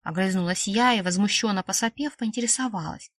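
A woman narrating a first-person story aloud, reading in a lively, expressive way. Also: mid-range voice, brisk, no room sound, clean studio sound. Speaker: audiobook narrator.

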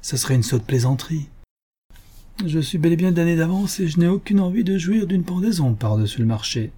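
A man's voice: mid-range voice, normal speed, dark tone, slightly rough, close to an everyday voice. A man voicing a captured young spy who groans and speaks in a bittersweet tone, in a read-aloud adventure story. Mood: sour. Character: captured young male spy, whining and sour.

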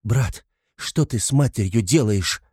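A man voicing an indignant young woman in an audiobook, with sharp exclamations. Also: fairly low pitch, measured pace, husky, dry recording, studio quality.

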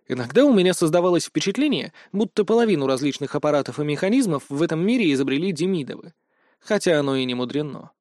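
A man narrating a first-person novel as an audiobook, in a wry, lively reading. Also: fairly high pitch, dry recording, clean studio sound.

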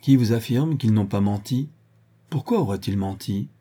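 A man's voice: on the low side, animated, normal speed, warm tone, slightly rough. A man voicing a solemn old Breton peasant woman. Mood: grave. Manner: solemn, fervent.

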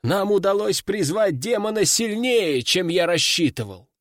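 A man's voice: sits high, animated, unhurried, no room sound. A man doing a domineering old sorcerer. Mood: commanding. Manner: commanding and threatening. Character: stern old male sorcerer teacher, domineering. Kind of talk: audiobook character voice.

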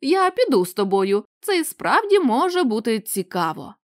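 A woman's voice: on the high side, very animated, normal speed, dry recording, studio quality. A woman reading the part of a nervous young man who mutters and protests in exasperation. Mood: exasperated.

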